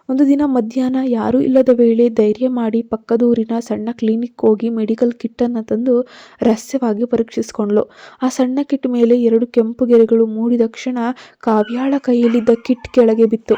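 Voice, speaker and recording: A woman reads a scripted story in a calm, measured way. Her voice is fairly high yet dark and mellow, with a flat, even delivery. The recording is dry and a little muffled. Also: no room sound. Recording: dull, slightly muffled, dry.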